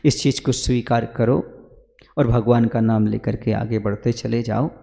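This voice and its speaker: A Jain monk giving a sermon to a gathering, calling listeners brothers and putting questions to them. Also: male voice, medium pitch, steady tone, normal speed, vocal fry, mellow, in a large hall.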